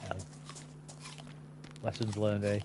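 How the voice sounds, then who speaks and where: A man's voice: on the low side, monotone, slow pace, very noisy. A man chatting casually with a friend while gaming, laid-back and fond of mild swearing. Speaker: gamer.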